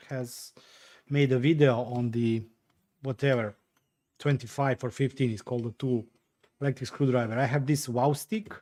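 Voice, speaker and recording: A man with a dark, mid-range voice hosts a casual livestream from home, responding to comments from his audience. His first language is Croatian, and he talks in a hesitant, chatty way, full of fillers and restarts, as he tinkers.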